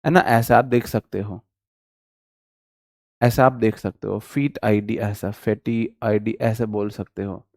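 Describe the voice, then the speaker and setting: A man's voice: lowish voice, fairly even intonation, unhurried, creaky, pauses often, a little mellow, no echo, clean studio sound. A man teaching vocabulary in a live online lesson, chatty and joking, calling his viewers brother.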